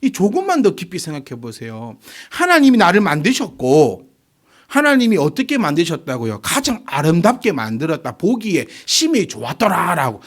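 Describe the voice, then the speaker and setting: Forties male pastor, sermon delivery, rhetorical questions, voice swinging wildly high and low. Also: husky. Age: 40s. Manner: animated, fires rhetorical questions at the congregation.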